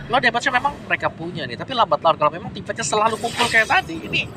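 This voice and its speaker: Fast-talking male esports analyst. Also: high-pitched, very animated. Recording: loud background noise, distant mic.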